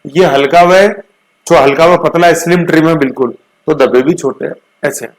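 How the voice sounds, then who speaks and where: A man's voice: on the high side, moderate pace, low-quality recording. Chatty man lecturing. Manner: chatty, repeats checks like "theek hai na". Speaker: current affairs teacher. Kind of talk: exam-prep lecture.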